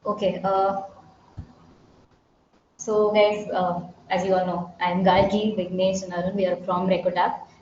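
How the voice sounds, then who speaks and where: A woman's voice: medium pitch, little pitch movement, unhurried, a little mellow. A woman with an Indian accent, casually hosting a group discussion on an online call. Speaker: host. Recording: roomy, muffled, faintly noisy call.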